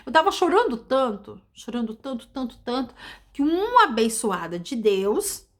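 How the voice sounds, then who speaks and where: A middle-aged woman preacher giving an emotional testimony sermon, repeating phrases for emphasis and dropping from loud to hushed. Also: on the high side, big pitch swings, moderate pace. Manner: repetitive, emphatic, swings between loud and hushed.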